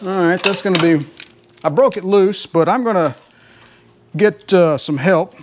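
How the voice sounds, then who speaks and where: A middle-aged home mechanic with a Southern US accent hosts a garage channel, rambling casually to viewers as folks while he works under a car in his home garage. His voice sits high and unhurried, explaining how-to steps. Background noise runs underneath.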